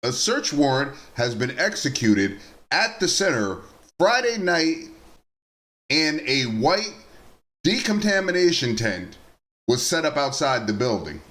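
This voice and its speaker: A man's voice: mid-range voice, big pitch swings, unhurried, fairly bright tone. A man who hosts a news commentary vlog, reading reports aloud and breaking off into blunt, informal asides to viewers he calls his nieces and nephews. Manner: reads the reports, then adds blunt personal asides.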